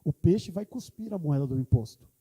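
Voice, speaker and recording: Impassioned pastor in echoing church. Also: male voice, fairly high pitch, expressive, normal speed, warm tone, slightly rough. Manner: impassioned preaching, quoting prayers aloud. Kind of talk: sermon. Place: church hall. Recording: church hall reverb.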